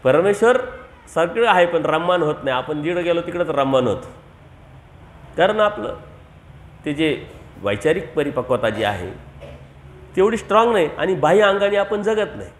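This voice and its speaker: High-voiced Marathi preacher in an echoey room. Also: male voice, very animated, normal speed, long pauses, a little hiss or hum. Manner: rhetorical questions to the audience, emphatic repetition. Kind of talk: devotional sermon.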